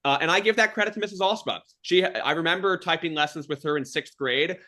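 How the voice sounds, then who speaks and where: A man who is a school teacher hosts a podcast, casually interviewing a former colleague in an enthusiastic, affirming way. His voice is fairly high, bright, fast, and forceful.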